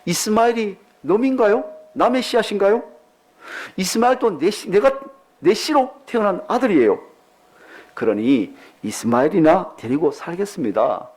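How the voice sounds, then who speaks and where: A man's voice: high voice, sing-song, normal speed, a little mellow, breathy edge, voice pushed up, exaggerated voice. Man voicing aged Abraham, pleading, protesting, earnest. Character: Abraham, old man pleading and arguing with God.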